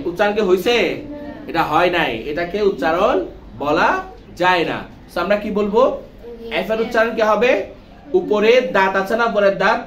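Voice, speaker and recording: A man's voice: sits high, fairly bright tone. A man teaching English letter pronunciation, quizzing his class with repeated questions. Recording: echoey room with faint noise.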